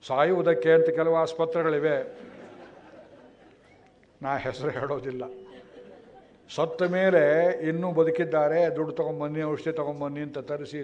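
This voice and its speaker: A man's voice: a little high, slight background noise. A man giving a scripture discourse in a lecture hall, telling stories wryly and chanting verses, on a dull lo-fi recording. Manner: animated, wry storytelling. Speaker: religious scholar giving a discourse.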